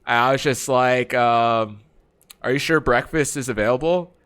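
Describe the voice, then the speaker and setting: A man's voice: medium pitch, moderate pace, clear, resonant tone. A man streaming a game, casually telling an anecdote in slangy talk, acting out his friends' lines and laughing often. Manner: relaxed slangy talk, calls people bro and man. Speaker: let's play streamer. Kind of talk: casual storytelling while gaming.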